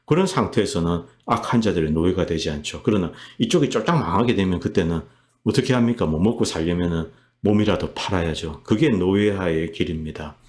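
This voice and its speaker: Brief: male host, deep voice, emphatic solo commentary, dramatizes quotes. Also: animated, a little fast, darkish tone. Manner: emphatic, reenacts quotes in a heated voice. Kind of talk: political commentary monologue.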